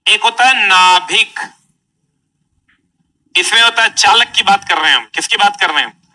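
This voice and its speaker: A man's voice: sits high, normal speed, pushed and bright, recorded from a distance, rough recording. A male teacher with a Bihari Hindi accent, giving a chatty classroom lecture and quizzing the students. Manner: chatty, asks the class questions.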